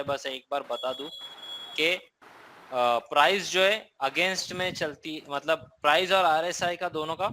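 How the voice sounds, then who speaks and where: A man's voice: fairly high pitch, sharp tone, a little hiss or hum, poor audio. A man with an Indian accent teaching a live trading class, explaining casually and often checking in with listeners.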